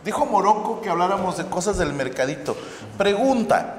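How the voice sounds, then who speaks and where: A man's voice: high-pitched, animated, normal speed. Joking man in an echoey room. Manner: joking, crude slang, loose storytelling. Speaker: podcast co-host. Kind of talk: casual banter. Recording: roomy echo, long reverb, faint noise.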